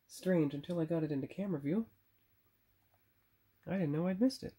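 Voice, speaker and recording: A man's voice: on the high side, moderate pace, dark tone, slightly rough. A man casually talking viewers through his model painting, thinking aloud and correcting himself, recorded on a phone camera at a workbench. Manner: chatty, self-correcting, talks to viewers while working. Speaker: model builder and channel host. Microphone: phone camera on a tripod.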